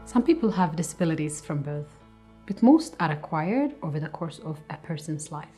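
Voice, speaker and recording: A woman from Africa presenting a training module in calm, scripted narration. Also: sits low, moderate pace, faint music behind.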